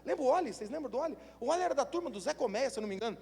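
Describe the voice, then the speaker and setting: A Brazilian man preaching a sermon as pastor, telling animated stories and building up to shouts. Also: very high-pitched, rapid-fire, vocal fry, husky. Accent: Brazilian Portuguese. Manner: animated storytelling, acts out voices, builds to shouting. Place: church hall. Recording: long church hall reverb.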